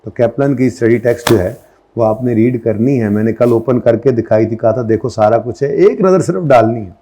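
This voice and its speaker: A man's voice: medium pitch, normal speed, mellow, a little hiss or hum. A middle-aged man teaching an accountancy class, mixing English terms into his Urdu and firing checking questions at students. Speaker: accountancy lecturer. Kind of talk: classroom lecture.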